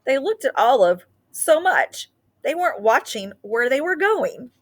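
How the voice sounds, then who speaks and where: With a high-sitting voice, a woman reads a children's picture book aloud, storyteller-style. Her delivery is animated, and she stretches out key words for emphasis.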